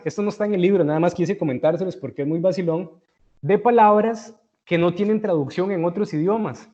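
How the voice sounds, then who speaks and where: Male Costa Rican lecturer, casual classroom talk, warm mellow timbre, muffled low-fidelity recording. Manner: conversational, frequent "¿verdad?" check-ins and restarts. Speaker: university tutor. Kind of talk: online tutoring lecture.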